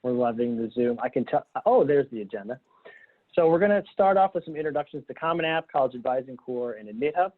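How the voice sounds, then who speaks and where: A man hosting a video-call webinar, relaxed and upbeat, laughing easily while guiding the panel. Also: medium pitch, fast talker. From Philadelphia, Pennsylvania. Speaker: webinar host. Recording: tinny phone-like call audio.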